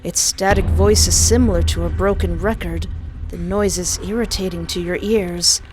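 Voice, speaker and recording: A woman's voice: lowish voice, steady tone, moderate pace, music in the background. A woman narrator reading a scripted second-person horror story.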